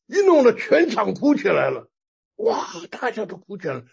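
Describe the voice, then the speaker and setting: A man gives an animated sermon, telling a personal testimony. His voice is gravelly and deeply husky, and his pitch leaps up and down. The recording sounds dull and lo-fi. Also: normal speed. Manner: animated storytelling, laughs often, repeats words. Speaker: preacher.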